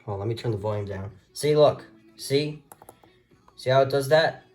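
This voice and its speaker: Faint music sits behind a man's darkish, mid-range voice as he speaks at a moderate pace. He casually demonstrates his radio collection hands-on, rambling and hesitating into a handheld phone camera.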